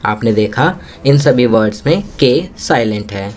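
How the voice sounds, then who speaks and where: Man, classroom teacher, very slow careful delivery, reads word lists aloud. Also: on the low side. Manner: slow, deliberate reading of words aloud; mixes Hindi explanation with English. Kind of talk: worksheet lesson for children.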